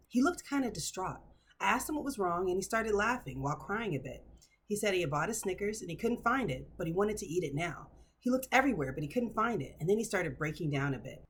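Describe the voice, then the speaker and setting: A woman's voice: fairly low pitch, breathy edge. A woman hosting her own channel, reading online posts aloud and reacting with emphatic, preachy commentary.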